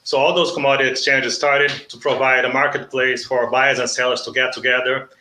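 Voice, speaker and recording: A middle-aged Brazilian man speaks English with a clear Brazilian Portuguese accent, talking like an economics professor who explains step by step and checks in with "okay?". His voice is bright and crisp. He sounds like he is in an echoey room. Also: mid-range voice, level tone, slight background noise. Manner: measured, frequent "okay?" check-ins and restarts. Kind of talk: explanatory interview talk.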